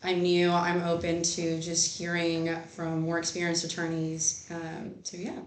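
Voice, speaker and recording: A woman's voice: fairly low pitch, completely flat delivery, measured pace. A young woman from Texas, a newly licensed attorney, talking earnestly with many fillers in a casual interview. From Rio Grande Valley, Texas. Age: young adult. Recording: echoey room with faint noise.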